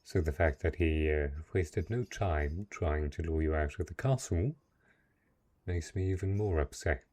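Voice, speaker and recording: Speaking at a measured pace, a man with a low, husky voice portrays a possessive, lonely dark knight for a fantasy romance audio roleplay. His mood is brooding and jealous, and his formal phrases are hesitant yet earnest.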